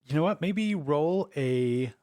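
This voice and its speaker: Male game master, higher voice, relaxed and laughing, narrating a tabletop game. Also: measured pace, no room sound, clean studio sound. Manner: laughing, loose, voices characters.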